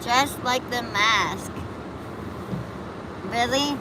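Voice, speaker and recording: A woman from Buffalo, New York, speaks very slowly in a fairly high pitch as she streams amid traffic. The livestream host is chatty and rambling, reacting to comments and answering viewers in casual live chat.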